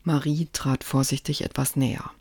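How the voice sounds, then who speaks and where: A narrator reading a story aloud in a calm, even storytelling manner. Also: mid-range voice, moderate pace, creaky, husky, dry recording, studio quality.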